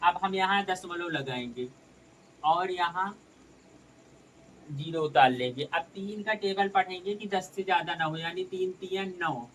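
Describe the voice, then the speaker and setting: A man's voice: high-pitched, a little slow, fairly bright tone. Male maths tutor, patient step-by-step explainer, slightly distant mic with light background noise. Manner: addresses viewers as friends, talks through each step. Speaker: maths teacher.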